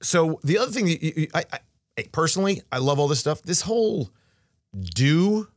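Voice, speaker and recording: A man co-hosting a casual podcast, talking in halting restarts and reading out news items. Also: fairly high pitch, dry recording, studio quality. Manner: halting restarts, animated, playful. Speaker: podcast co-host.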